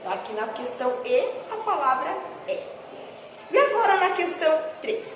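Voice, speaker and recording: A woman with a Brazilian Portuguese accent teaching a class of young children, who slows down and stresses words as she reads sentences aloud. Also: high-pitched, sing-song, a bit bright, a little hiss or hum. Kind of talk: recorded class lesson for children. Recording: echoey room with faint ambience.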